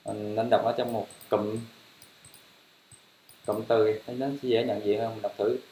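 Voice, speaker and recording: In a language lesson, a man repeats English words again and again to drill pronunciation, patient and encouraging throughout. His voice is lowish, flat, unhurried and mellow, with slight background noise and a roomy echo.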